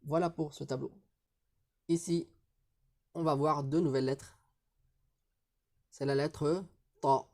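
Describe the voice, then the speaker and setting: A man's voice: fairly high pitch, fairly even intonation, a little mellow. A man teaching reading in a recorded video lesson, drilling syllables one by one and patiently explaining pronunciation. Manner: slow, deliberate syllable-by-syllable drilling.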